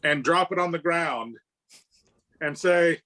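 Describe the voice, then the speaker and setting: A man's voice: on the high side, slow, pushed and bright, low-quality recording. A man as a player in a tabletop role-playing game, hesitant and stammering. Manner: hesitant, stammering in-character speech.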